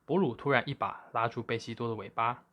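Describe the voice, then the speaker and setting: Reading a children's tale aloud, this male storyteller speaks at an ordinary middle pitch. His delivery is lively and expressive, and he moves a little fast.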